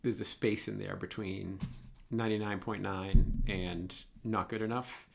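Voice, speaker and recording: A man's voice: on the low side, fairly even intonation, a little slow, gravelly, a little hiss or hum. A man with a Boston accent interviewing in a casual, conversational way, thinking aloud and checking his points as he goes.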